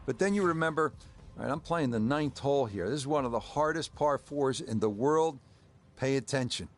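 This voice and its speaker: A man working as a lead golf commentator, calling play in a measured, conversational broadcast manner. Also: medium pitch, lively intonation. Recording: clear outdoor ambient noise behind.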